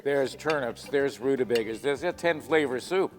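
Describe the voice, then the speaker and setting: A man's voice: mid-range voice, normal speed, big-room sound, soft background music. A man co-hosting a cooking show as the comic, joking in mock-formal announcer patter while tasting food. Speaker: comic co-host. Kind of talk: playful cooking-show banter.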